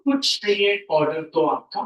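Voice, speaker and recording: A male tutor teaching a math class, speaking slowly and repeating key terms for his pupils, with a mix. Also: fairly high pitch, big pitch swings, fairly bright tone. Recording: roomy classroom, mic at a distance.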